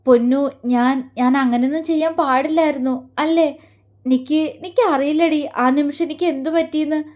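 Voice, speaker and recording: A woman voicing a gentle young heroine who speaks softly and haltingly, close to tears, in an audio story. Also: high voice, close to an everyday voice. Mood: wistful. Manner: soft, hesitant, halting.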